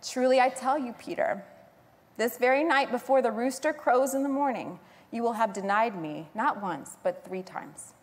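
A woman preacher voicing a solemn male teacher with grave, measured words in a sermon. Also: a little high, natural voice. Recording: long hall reverb.

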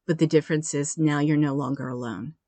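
A woman voicing a kind stranger in a parable who jumps down to help, calm and reassuring. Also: sits low, brisk, no room sound. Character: kind man who has been in the hole.

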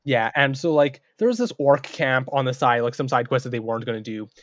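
Animated man telling game stories. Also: mid-range voice, brisk, no room sound. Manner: animated, acts out characters while telling stories. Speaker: podcast co-host and game master. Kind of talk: casual podcast storytelling.

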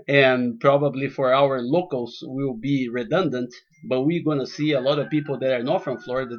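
A man hosting a podcast interview in a welcoming, courteous, conversational way. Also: mid-range voice. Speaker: podcast host. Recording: dull lo-fi podcast audio.

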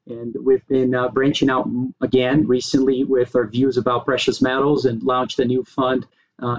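A man from Brazil, a portfolio manager, answering interview questions in a halting way with many fillers and restarts. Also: mid-range voice. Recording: dull lo-fi remote audio.

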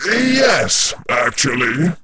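A man's voice: mid-range voice, sing-song, extremely slow, pushed and bright, breathy edge, no echo, studio quality, full character voice. A man voicing a menacing hooded cult leader with a buzzing, disguised voice, cold and mocking. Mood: coldly mocking.

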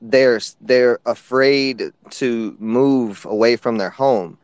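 A man's voice: medium pitch, slow, darkish tone, dry recording. Laid-back man, dry sound. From East Tennessee. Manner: laid-back, preachy at times. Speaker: guest. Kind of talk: casual chat.

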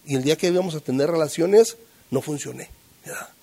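A middle-aged Mexican man with a gravelly, warm voice gives his recovery testimony to a group, speaking a little fast. He rambles, fills his speech with fillers and tag questions, and acts out the people he quotes with jumps in pitch.

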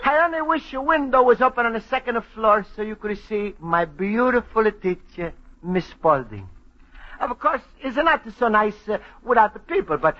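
In a 1940s-style radio comedy, an actor with a high voice plays a cheerful Italian immigrant writing home to his mother, speaking broken, Italian-accented English in a giggly, sentimental way. It sounds like a dull old radio broadcast.

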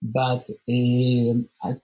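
A man sits for an interview about the meetup he runs. He talks in an unhurried, thoughtful way and doubles back on words as he searches for what he means. His pitch sits in the middle range for a man. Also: completely flat delivery, a little mellow, rough recording. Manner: thoughtful, repeats words while searching for phrasing. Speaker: meetup organizer, interview guest. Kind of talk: casual interview conversation.

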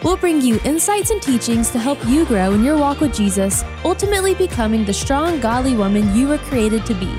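A woman's voice: sits high, sing-song, brisk, few pauses. A woman reading a polished, upbeat scripted intro as the show's announcer, with music behind her. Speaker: show announcer.

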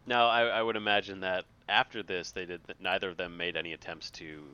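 Fast, bright deep-voiced man. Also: fairly even intonation, clean tone, muffled recording. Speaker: podcast co-host. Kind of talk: casual board game podcast chat.

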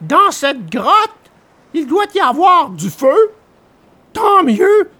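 A cheeky little wooden puppet boy chirps in a very high, shrill voice far above a man's own. He talks with a bright, mischievous snap. The voice is plainly a storybook child. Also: sing-song, extremely slow, heavily acted. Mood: hopeful.

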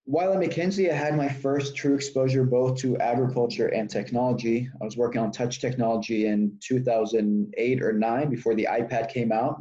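A man from Texas, a startup founder, walks through his story in a loose, conversational way, full of fillers and restarts. The recording sounds dull and lo-fi, as if the high end has been shaved off. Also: warm tone. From Texas, United States. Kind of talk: conversational interview answers.

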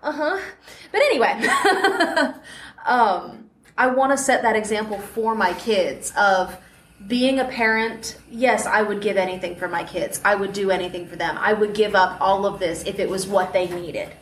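Her voice mid-range and her pace measured, a thirty-something podcast host talks casually and laughs a lot as a guest on a convention panel interview. Faint noise and a roomy echo color the recording.

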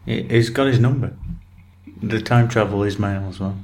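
A man co-hosting a podcast in casual chat, with deadpan, playfully obtuse jokes. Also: on the low side, normal speed. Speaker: podcast co-host.

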